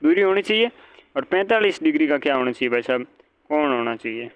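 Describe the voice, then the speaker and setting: A man's voice: a little high, expressive, fast, clean tone, no room sound. A male teacher giving an exam-prep lecture, asking and answering his own questions and repeating each point. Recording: dull lo-fi audio.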